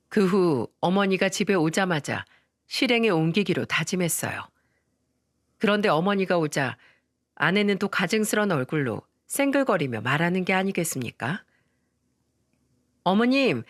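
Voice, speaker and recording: A woman's voice: fairly low pitch, no room sound, studio quality. A woman reading a dramatic first-person story as the channel's narrator.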